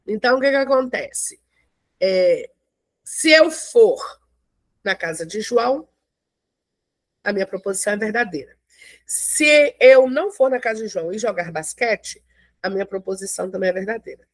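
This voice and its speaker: With no room sound in the recording, an animated woman with a mid-range voice delivers a math lecture to a class. She explains slowly, one step at a time, stopping often to check in with her listeners.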